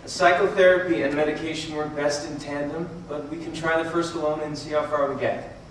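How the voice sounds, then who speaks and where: An actor playing a calm male psychiatrist who asks measured, coaxing questions on a theater stage. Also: a little high, slight background noise, lightly acted. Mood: calm probing. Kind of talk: stage musical acting. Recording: distant echoey theater bootleg, live band.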